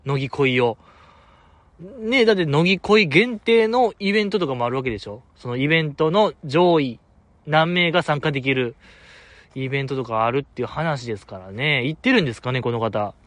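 Reading listener mail on his casual solo show, a Kansai-accented radio host sounds chatty and pokes fun at himself. He speaks on the high side, animated and fairly quick, with a fairly bright tone in a dry recording.

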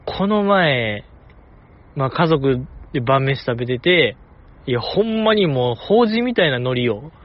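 A man's voice: mid-range voice, very animated, a little slow, highs cut off. A man with a Kansai accent hosting a radio show, talking casually in a chatty, jokey way with teasing asides. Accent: Kansai Japanese. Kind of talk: casual solo radio talk.

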